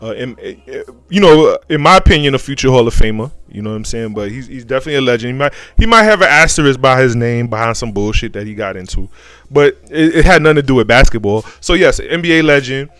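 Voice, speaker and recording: A man's voice: mid-range voice, animated, fast, a bit bright, dry recording. American man riffing in slangy, repetitive commentary. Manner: repeats phrases for emphasis, slangy. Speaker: commentary show host. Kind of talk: casual opinionated commentary.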